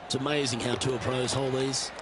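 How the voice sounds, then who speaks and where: A man's voice: mid-range voice, level tone, moderate pace, noisy background, lightly acted. A man playing a lead golf commentator in a video game, calling play in a polished broadcast style. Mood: composed, appreciative.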